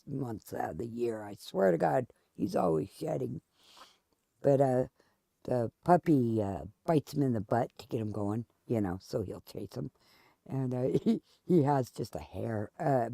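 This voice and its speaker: Gravelly-voiced woman chatting while gaming. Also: extremely low pitch, warm tone, no echo, studio quality. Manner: rambling, chatty storytelling with many restarts. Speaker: gaming channel host. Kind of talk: casual chat while playing a game.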